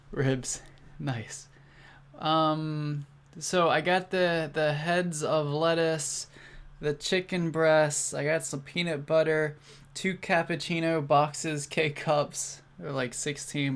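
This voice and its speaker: A man's voice: fairly high pitch, gravelly. A young man chatting on a live stream, rambling with fillers and restarts, his mouth full as he eats. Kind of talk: casual chat to a live stream.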